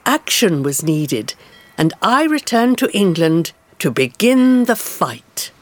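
A woman's voice: lowish voice, big pitch swings, exaggerated voice. A woman voicing a determined old suffrage campaigner. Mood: earnest. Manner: slow, clear, carefully measured delivery. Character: determined older woman suffrage campaigner recalling her life. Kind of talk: first-person storybook narration for learners.

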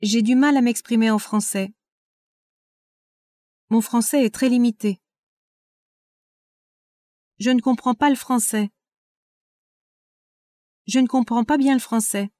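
A woman reading out phrasebook sentences slowly and carefully, like a language teacher. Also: fairly high pitch, warm tone, no echo, studio quality.

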